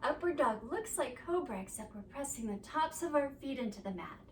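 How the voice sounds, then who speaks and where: A woman leading a preschool yoga class, giving gentle, sing-song prompts to children. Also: high-pitched, animated, brisk, a little hiss or hum. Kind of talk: guided kids' yoga instruction. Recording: echoey room, mic at a distance.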